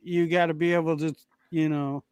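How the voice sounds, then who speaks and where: A co-host in casual chat, teasing and halting, repeating words as they go. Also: mid-range voice, level tone, darkish tone, smooth, no room sound, studio quality.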